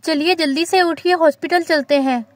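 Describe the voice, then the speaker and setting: Woman doing a caring young wife in a doll story, very high voice, fussy, reassuring, dry close sound. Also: fairly even intonation, normal speed, no room sound. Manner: fussing, reassuring. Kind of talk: doll story role-play.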